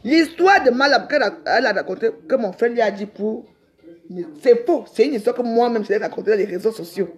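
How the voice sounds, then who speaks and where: A woman's voice: fairly high pitch, fast. A middle-aged woman, ranting defiantly on a live stream and rambling with repeated words. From Cameroon. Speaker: social media livestreamer.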